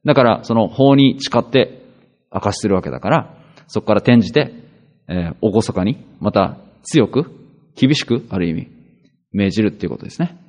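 A man's voice: lowish voice, lively intonation, normal speed, a little mellow, long reverb tail, dull audio. A man preaching a sermon as a pastor, in a conversational style with rhetorical questions and frequent hesitations.

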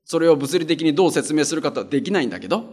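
A man's voice: a little high, lively intonation, racing, a little mellow, breathy edge. A man preaching a conversational sermon and reading scripture aloud, earnest and plain-spoken, driving points home by repeating them. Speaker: pastor.

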